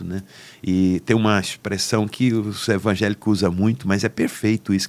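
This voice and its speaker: A Brazilian bishop hosts a podcast conversation with a lowish male voice. He draws out his guest's story and breaks in with reflective, preacherly comments. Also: a little mellow. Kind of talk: conversational interview.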